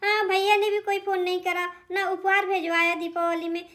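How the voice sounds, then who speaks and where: Woman doing a young married sister, tearful, pleading, very high voice, doll drama. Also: steady tone, normal speed, a bit bright.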